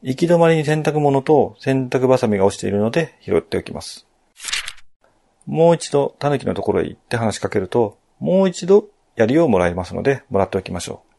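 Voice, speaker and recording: Male narrator, polite game walkthrough with asides, mellow and dark in tone. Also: mid-range voice, expressive, fairly quick, gravelly.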